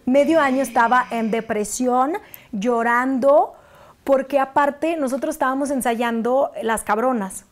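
A young adult woman, an actress as interview guest, telling a personal story in casual chat and acting out the quotes. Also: unhurried. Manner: animated, acts out quotes with sudden high bursts.

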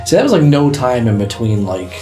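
A man's voice: medium pitch, big pitch swings, fairly quick, warm tone, faint music behind. A young man giving laid-back, casual commentary on a video game, swearing now and then and telling the player where to go. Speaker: let's play host.

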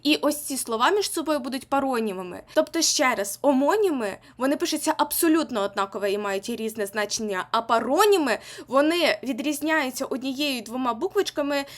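A woman's voice: high voice, expressive, brisk, hardly any pauses. A young woman with a Ukrainian accent teaching an exam-prep language lesson online, explaining patiently and repeating key points.

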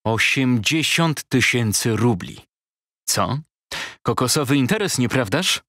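Man doing a sly shabby lawyer, husky, sugary and pushy, leaps up high when pleading, dry close sound. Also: animated, takes it slowly, a bit bright, no room sound, heavily acted. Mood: wheedling. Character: shabby fawning male lawyer, middle-aged, sly haggler.

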